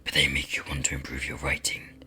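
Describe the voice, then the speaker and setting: Lady putting on a super low whispery ancient demon guy, gloomy n pompous, sneers slowly, game villain type. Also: level tone, bright, forceful tone, heavily acted. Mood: stern, gloomy. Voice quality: very low, breathy rasping whisper. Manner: pompous, slow, disdainful. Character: ancient gloomy male demon, scornful and menacing.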